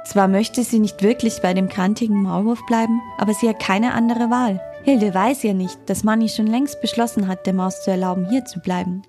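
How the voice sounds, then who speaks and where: A woman tells a children's story in a calm, even manner. Her tone is mellow and warm, at a middle pitch. Faint music plays beneath her. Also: moderate pace, hardly any pauses. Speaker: narrator. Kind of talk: scripted children's story narration.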